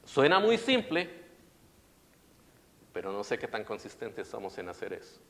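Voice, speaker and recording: A man preaching a sermon in a lively way, often asking his congregation questions. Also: lowish voice, measured pace, creaky, slight background noise. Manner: animated, asks audience questions. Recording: long reverberant hall.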